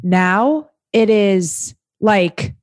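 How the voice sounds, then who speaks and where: A young adult woman co-hosting a podcast, chatting excitedly and full of likes. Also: mid-range voice, drawn-out words, dry recording, clean studio sound. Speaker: podcast co-host. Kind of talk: casual chat.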